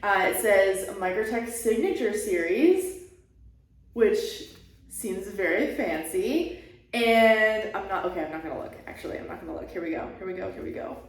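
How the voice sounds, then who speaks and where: A woman hosting a casual unboxing vlog, gushing and excitable, recorded in a bare, half-furnished room with heavy echo. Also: medium pitch, moderate pace, distant mic. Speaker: channel host.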